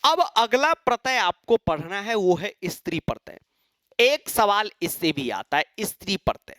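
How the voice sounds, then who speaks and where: A man's voice: high-pitched, big pitch swings, moderate pace, a bit bright, no room sound, studio quality. A man teaching an exam-prep lecture, asking and answering his own questions and mimicking students.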